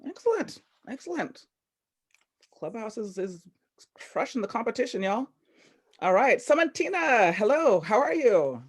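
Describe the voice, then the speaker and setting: An upbeat woman hosts a casual workshop over a video call. Her voice swings widely in pitch as she welcomes people. She sounds chatty and friendly. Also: big pitch swings, unhurried, breathy edge. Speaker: workshop host.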